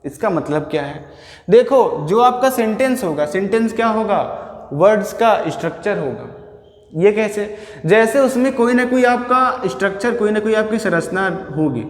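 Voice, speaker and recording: A man with a fairly high voice teaching grammar in a lecture style. He asks the class questions, answers them himself and keeps checking that they follow. His voice rings out with a long reverb, as if in a big bare hall. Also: expressive, moderate pace.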